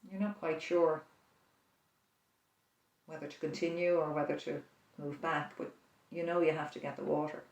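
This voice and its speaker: With a touch of vocal fry in a mid-range voice, a prayer leader calmly guides an imagined, peaceful scene. The delivery is flat, soft and slow, punctuated by reflective pauses. The mic is distant, and the room echoes strongly.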